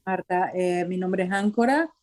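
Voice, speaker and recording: A woman from Venezuela giving personal testimony in an interview, hesitant and pausing often to search for words. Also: on the low side, a little mellow.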